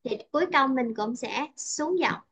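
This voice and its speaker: A woman's voice: high-pitched, animated, normal speed, a bit bright, slightly rough. A Vietnamese woman teaching English pronunciation in an online lesson, patient and checking often that the student follows.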